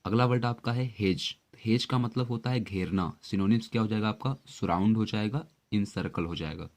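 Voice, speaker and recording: Low-voiced man teaching vocab. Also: normal speed, darkish tone. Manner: chatty, with repeated questions to the viewer. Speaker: exam-prep vocabulary teacher. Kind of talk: explanatory lesson.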